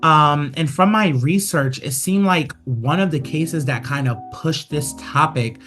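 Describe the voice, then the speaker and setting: A man's voice: a little high, unhurried, a bit bright, faint music behind. A man hosting his podcast in casual solo talk, chatty and dotted with filler sounds. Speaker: podcast host.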